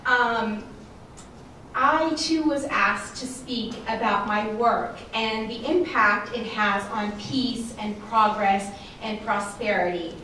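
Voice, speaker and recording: An American woman giving a prepared, earnest speech at a forum, measured with some fillers. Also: a little high, pushed and bright, slight background noise. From United States. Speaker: panel speaker. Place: museum event space. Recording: echoey hall from far off.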